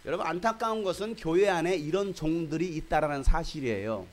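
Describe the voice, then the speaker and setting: A man's voice: fairly high pitch, fairly quick. A middle-aged male pastor giving a sermon. He tells the story dramatically and quizzes his congregation.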